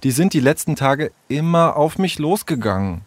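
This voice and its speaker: A man's voice: a little high, very animated, moderate pace, dry recording, voice pushed up. A man voicing a hurt, shy young boy who mumbles hesitantly and sounds dejected.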